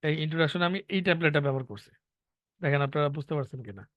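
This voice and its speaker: A man teaches an online class, working through each point step by step and stopping often to quiz his students. His voice sits a little high. The sound is dry and dull, with a lo-fi, muffled edge. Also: animated, rapid-fire, no echo. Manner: explains step by step, asking students questions. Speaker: English teacher.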